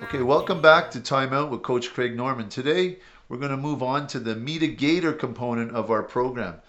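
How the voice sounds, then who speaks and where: A man, a basketball coach, hosting an interview show and introducing his players in a measured way. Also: mid-range voice, a bit bright, dull audio, faint music behind.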